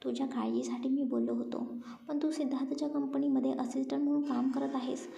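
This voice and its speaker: Storybook reading: woman doing a mocking, boastful young man, dark and gravelly. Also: sits high, level tone, fairly quick. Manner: mocking, cocky. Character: teasing, boastful young man, protective elder brother. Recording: roomy, muffled lo-fi recording.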